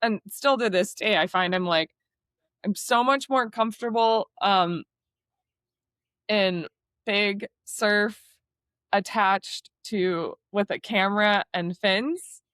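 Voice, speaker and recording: A woman's voice: mid-range voice, slow, a bit bright, clean tone, dry recording. Chatty young woman, dry close sound. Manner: chatty, many fillers like "like". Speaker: surf and water photographer, guest. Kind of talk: casual interview chat.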